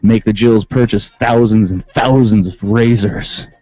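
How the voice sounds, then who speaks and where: A man's voice: on the low side, fairly even intonation, measured pace, mellow, dry recording. A male radio host in comedic commentary, reading rules aloud and mocking them sarcastically. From Western New York. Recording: dull lo-fi sound with faint music.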